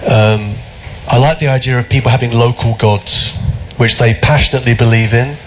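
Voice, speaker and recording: A British man, a philosopher as guest at a public talk, speaking in an animated, chatty storytelling way with many fillers and restarts. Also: mid-range voice, normal speed, slight background noise, low-quality recording. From Britain.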